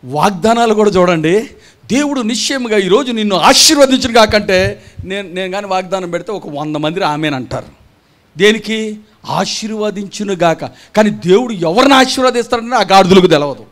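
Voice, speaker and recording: Man, pastor, gospel sermon, high voice, scolding, rhetorical questions, mocking imitations. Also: animated, fairly quick, fairly bright tone. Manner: acts out churchgoers' voices mockingly. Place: church gathering.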